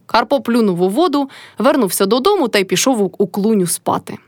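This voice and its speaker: A woman narrating a classic novel in an expressive audiobook reading. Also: on the high side, fairly quick, no echo, clean studio sound. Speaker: reader.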